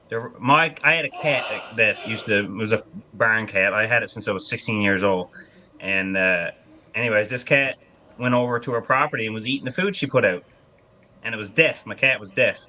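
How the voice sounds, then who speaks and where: A man with a lowish, sharp-toned voice spins casual, folksy outdoor stories. His manner is blunt and rambling, like someone telling hunting yarns full of anecdotes.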